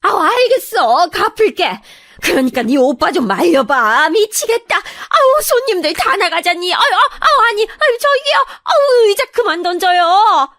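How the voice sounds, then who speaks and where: Woman voicing a panicky middle-aged snack-shop owner, shrill wailing pleas, very high voice, radio story. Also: sing-song, moderate pace, fairly bright tone, heavily acted. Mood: frantic, pleading.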